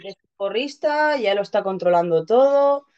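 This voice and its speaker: A woman with a Castilian Spanish accent hosts a casual live chat show. She is playful and exclamatory, with an ordinary mid pitch. The sound is dull and lo-fi. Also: expressive, moderate pace, a little mellow, smooth. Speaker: host. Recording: dull, lo-fi audio.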